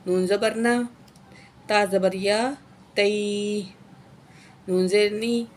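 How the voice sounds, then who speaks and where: A woman teaching Quran reading who spells out each letter and vowel mark, then slowly recites each word and stretches it out, often stopping to say "okay". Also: mid-range voice, steady tone, a little hiss or hum. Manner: often adds a checking "okay" after each rule.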